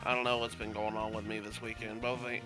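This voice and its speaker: A man's voice: fairly low pitch, little pitch movement, fast, music in the background. Stuffy-nosed man, hesitant. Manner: hesitant, trailing off, many fillers. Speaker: guest gamer. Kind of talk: casual voice-chat conversation. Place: home, on voice chat.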